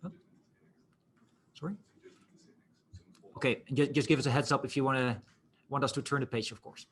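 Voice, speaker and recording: A man's voice: medium pitch, fairly even intonation, normal speed, fairly bright tone, slight background noise. A man moderating a webinar over a video call, polite and courteous, often hesitating and restarting. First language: Dutch. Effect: heard over a video call. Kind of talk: formal panel moderation.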